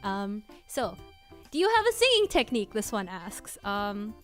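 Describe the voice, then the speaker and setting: A woman's voice: mid-range voice, big pitch swings, measured pace, fairly bright tone, soft background music. A woman cover singer chatting casually on a livestream Q&A, bubbly and giggly, often scattered and restarting.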